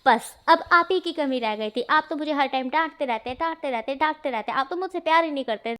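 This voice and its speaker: A woman's voice: sits high, a little fast, fairly bright tone. A woman voicing a playful, bossy young man who teases and pouts in a storytelling reading. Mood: teasing. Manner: cheeky, mock-stern, sulky.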